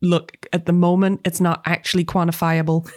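A woman's voice: fairly low pitch, level tone, normal speed, a little mellow. A woman playing her character in a tabletop game, hesitant and full of uh's. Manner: hesitant, with many uh's and restarts. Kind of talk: in-character play, casual.

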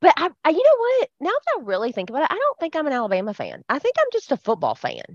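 A woman co-hosting a casual chat, animated and chatty. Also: high voice, fast, dry recording. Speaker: podcast co-host. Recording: dull lo-fi sound.

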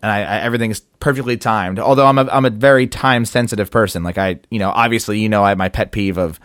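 A man's voice: fairly low pitch, quick pace, fairly bright tone, dry recording, clean studio sound. A man co-hosting a podcast, chatting casually in a joking, rambling way and often restarting his sentences. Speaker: podcast co-host.

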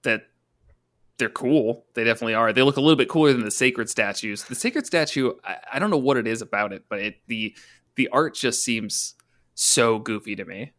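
Man, medium pitch, podcast co-host, casual and joking, self-correcting. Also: brisk, fairly bright tone. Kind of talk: casual, joking explanation of tabletop game lore.

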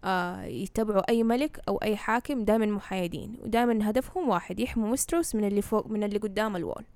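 A woman speaks quickly in Hejazi Saudi Arabic with English words mixed in. She explains in a casual, conversational way, often tossing in check-in questions. The sound is close and dry. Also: mid-range voice, a little mellow, dry recording. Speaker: knowledgeable guest explaining fantasy lore.

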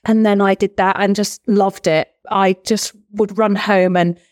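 Speaking at a measured pace with a steady tone, this former language teacher from England, in her forties, is a lively guest in a relaxed interview. She laughs a lot, and her medium-pitched voice has a slightly mellow quality.

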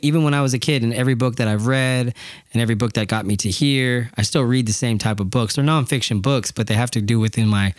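A man's voice: medium pitch, no room sound, studio quality. A man co-hosting a podcast, talking in a candid, profane, rambling way. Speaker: podcast co-host. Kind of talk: casual chat.

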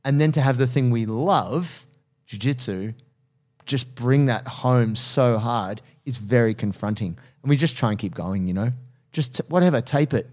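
A man's voice: medium pitch, normal speed, a little mellow. A man in his thirties, a strength coach and personal trainer, talking candidly and earnestly in casual podcast chat, laughing easily.

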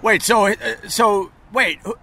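A man's voice: high-pitched, a little slow, pushed and bright. An American man hosting a casual livestream from his car, brash and exclamatory as he chats. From United States. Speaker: podcast host. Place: inside a parked car on a city street. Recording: faint street and traffic noise.

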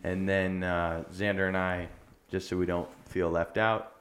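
A man's voice: deep voice, flat delivery, measured pace, a little hiss or hum. A young man co-hosting a podcast, talking in an earnest, rambling way full of "like" fillers. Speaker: podcast co-host. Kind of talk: casual chat.

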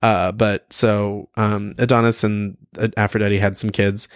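A man's voice: lowish voice, flat delivery, a little slow, clear, resonant tone, dry recording, clean studio sound. A man co-hosting a casual podcast chat, laughing often, rambling and swearing freely. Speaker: podcast co-host.

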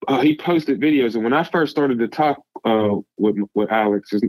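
A man's voice: mid-range voice, normal speed, a little mellow, no room sound, poor audio. A man talking casually as a podcast guest, giving advice in an emphatic, rambling way.

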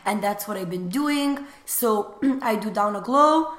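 At a measured pace and medium pitch, a young Lithuanian woman talks about her small business as a guest in an interview. She sounds relaxed and chatty, using many fillers, and the space around her echoes.

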